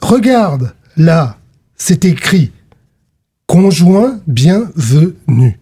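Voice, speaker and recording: A woman voicing a tall middle-aged husband, offhand and fussy, who talks haltingly with fillers. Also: on the low side, sing-song, mellow, husky, voice pushed down, exaggerated voice.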